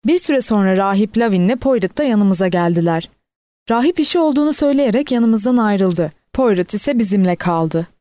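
A woman reading a novel aloud in steady audiobook narration, lightly voicing the quoted characters. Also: medium pitch, brisk, no echo.

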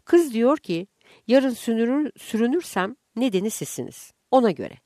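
A woman's voice: fairly high pitch, expressive, moderate pace, mellow, dry recording, pitched above the performer's own voice, lightly acted. A woman voicing an anxious mother who gossips in a raised, emphatic voice, in a dry recording. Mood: fretting.

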